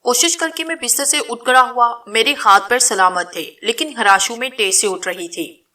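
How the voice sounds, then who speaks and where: Bright-voiced woman narrating a story. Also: a little high, low-quality recording. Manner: steady first-person storytelling. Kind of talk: scripted narration of a horror novel.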